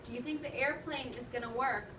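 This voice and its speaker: A woman with a high-pitched voice reads a storybook aloud to her class, fast and steady in tone, expressive, instructive, and asking questions. She's an elementary school teacher in an indoor classroom, with crowd noise around her. The distant mic picks up an echoey, noisy room.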